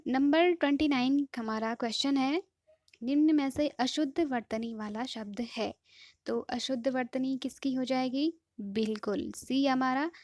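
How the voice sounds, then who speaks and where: A woman teaching an exam-prep lesson in a patient way, often pausing to check that students follow. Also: sits high, a little mellow, dry recording, studio quality. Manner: patient, repeats "ठीक है" to check understanding. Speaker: Hindi teacher.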